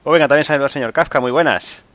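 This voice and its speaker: A man's voice: medium pitch, racing, a bit bright, no echo, lo-fi sound. A man with an accent from Spain hosting a podcast in casual conversation. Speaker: podcast host. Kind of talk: casual podcast introductions and chat. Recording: music behind the talk.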